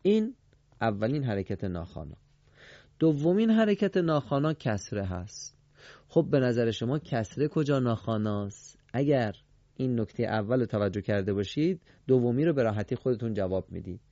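A man teaching a Quran recitation lesson to a studio class on radio, quizzing the students and repeating their answers with emphatic pitch swings. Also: expressive, dark tone, dry recording, dull audio.

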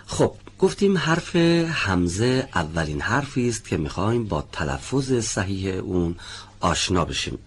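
A man's voice: low-pitched, very animated, slight background noise. A man teaching pronunciation in a studio lesson, patiently explaining sounds and calling on students one by one.

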